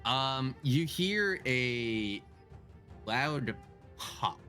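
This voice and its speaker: A man narrating a tabletop game as dungeon master, measured and hesitant, with fillers between phrases. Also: mid-range voice, lively intonation, bright, forceful tone, faint music behind.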